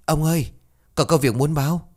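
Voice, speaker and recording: A man's voice: animated, a little fast, darkish tone, natural voice. A man voicing a frightened young male servant who stammers out urgent news in a spoken ghost story. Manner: high, breathless, stammering.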